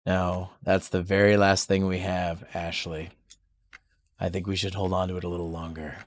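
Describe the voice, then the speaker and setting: A grim young brother, read by a man in low, hushed tones. He sounds dry and close, with no room around him. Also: little pitch movement, moderate pace, dry recording, natural voice. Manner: low, muttered, quiet delivery. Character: grim protective young man, Andrew, game sibling. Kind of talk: reading game dialogue aloud.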